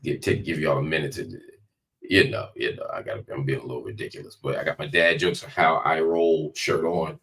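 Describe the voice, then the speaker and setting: Male live-stream political host, low voice, emphatic and conversational, leaning on repetition, recording in a hospital room. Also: steady tone, a little fast, gravelly, fairly bright tone. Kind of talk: live political commentary, direct address to viewers.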